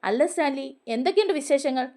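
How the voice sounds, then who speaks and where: A woman voicing a smooth, jovial politician with a probing way of speaking, in a storybook retelling. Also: extremely high pitch, expressive, fast talker, darkish tone. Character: smooth laughing politician, middle-aged man.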